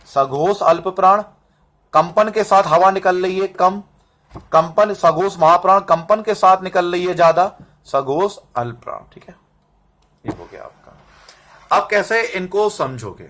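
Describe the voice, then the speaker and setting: A Hindi teacher with a high, fairly bright voice gives a recorded classroom lesson at an unhurried pace, using a camera mic he set up and adjusted himself. He calls his students बेटा, drills them by repeating terms and syllables, and keeps asking "समझ में आ रहा है?" to check they understand.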